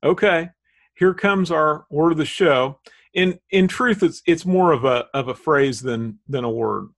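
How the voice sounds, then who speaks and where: A man's voice: a little high, unhurried. A middle-aged man with a Southern Indiana Hoosier accent, talking casually and explaining things as a podcast co-host.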